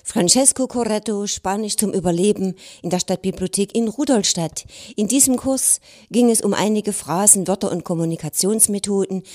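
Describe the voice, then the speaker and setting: A woman radio reporter reads a scripted outro. She speaks in a measured, announcing way. Her voice is mellow and dark-toned. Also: mid-range voice.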